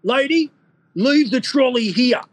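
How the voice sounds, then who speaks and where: A man putting on the voice of a brash older Cypriot-born male club owner, with a put-on Cypriot Greek accent and blunt, booming exclamations. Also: lively intonation, unhurried, exaggerated voice, rough recording. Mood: astonished.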